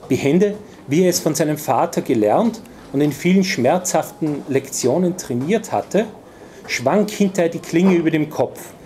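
Man, author, live reading of his fiction, measured, deliberate, warm low tone, faint ambience. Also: slight background noise. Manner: measured, calm, deliberate narration. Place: bookshop reading event, indoors.

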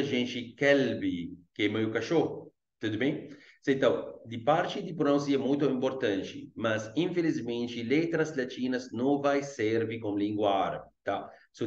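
A male Arabic teacher with an Arabic accent, giving an online language lesson in simple, slow explanations full of fillers. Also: medium pitch, darkish tone, echoey room, highs cut off. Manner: explains slowly with many fillers like "gente" and "tá".

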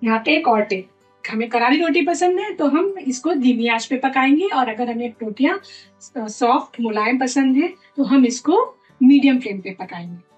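A woman's voice: sits high, expressive, moderate pace, highs cut off. A middle-aged woman giving a cooking demonstration in her home kitchen, explaining each step while she works. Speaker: cooking instructor. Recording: light background music.

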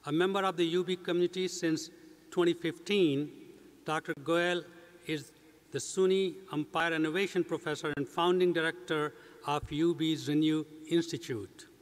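An older man, a university president, giving a measured, scripted formal speech at a commencement ceremony. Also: a little high, fairly even intonation. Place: large indoor commencement stage. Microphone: podium mic. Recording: long reverb of a big hall.

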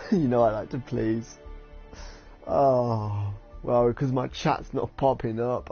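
A man's voice: on the low side, dark tone. A man from the UK giving rambling, giggly casual commentary while streaming a game. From United Kingdom. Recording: dull lo-fi streaming audio.

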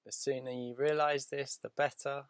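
A man leads a guided meditation, soothing and deliberate, with drawn-out pauses between short phrases. His mid-range voice is flat in delivery, with a clear, resonant tone and no echo.

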